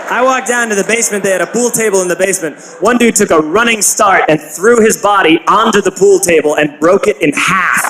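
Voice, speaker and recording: Brief: young male comic storyteller, slightly high voice, loud noisy recording. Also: reverberant. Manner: animated, shouts punchlines. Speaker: comedian telling a story. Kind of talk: comedic storytelling.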